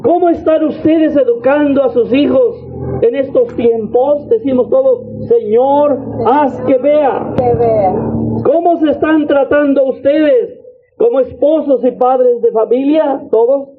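A man's voice: very high voice, measured pace, slight background noise. A man preaching a sermon, exhorting his listeners and repeating phrases in rhythmic litanies. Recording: tinny phone-like radio broadcast.

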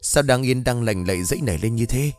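A man voicing an anxious old wife who pleads quickly with her husband in a ghost story. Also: medium pitch, lively intonation, soft background music, close to an everyday voice. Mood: frightened.

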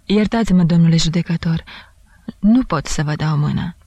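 A man's voice: on the high side, warm tone, no echo, lightly acted. A woman reading the part of a pale male doctor who confesses in a solemn, formal voice. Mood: grave, solemn.

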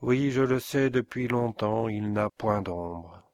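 A man's voice: lowish voice, takes it slowly, a little mellow. A man voicing a distraught young woman in an audiobook, speaking in a despairing way. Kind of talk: audiobook character voice.

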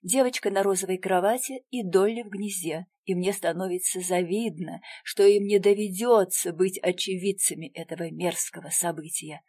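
A woman narrating a first-person audiobook in a quiet, tense, measured voice. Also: lowish voice, steady tone, no echo.

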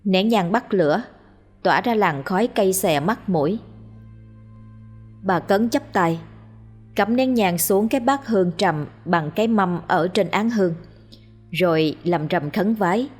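A woman narrating a ghost story in a steady, suspenseful reading. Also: medium pitch, a little slow, long pauses, slightly rough, soft background music.

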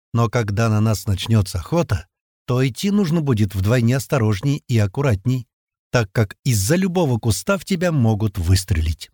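Man narrating an audiobook, lively pitch. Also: no echo, clean studio sound. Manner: casual first-person, with slang.

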